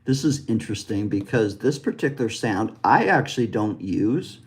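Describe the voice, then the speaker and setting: An American man from the West Coast teaches English vowel sounds in a voice on the low side, very animated and at a moderate pace. He explains patiently and demonstrates each sound himself.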